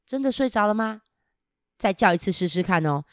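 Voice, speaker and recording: Animated woman telling a picture-book story. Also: mid-range voice, a little fast, no room sound, clean studio sound. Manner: animated, asks children questions, playful sound effects. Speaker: storyteller for children.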